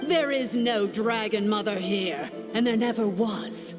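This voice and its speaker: A woman's voice: mid-range voice, natural voice. A woman voicing an almighty dragon lord in a video game, a haughty ancient female tyrant who speaks with grandiose scorn. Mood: menacing. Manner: grandiose, scornful, slow and commanding. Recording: game audio with long reverb. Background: game music.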